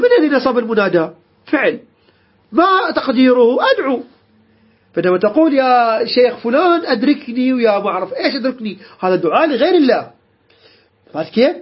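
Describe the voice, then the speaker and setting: A man's voice: extremely high pitch, slightly rough. A man teaching a grammar lesson, repeating key terms and checking that students understand. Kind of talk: classroom lecture. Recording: dull lo-fi recording.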